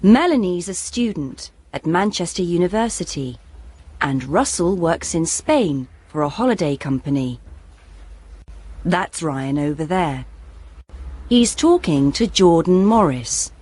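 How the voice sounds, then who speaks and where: A woman's voice: lowish voice, animated, a little slow, a little mellow, slightly rough. A woman giving a friendly, chatty scripted monologue for an English lesson.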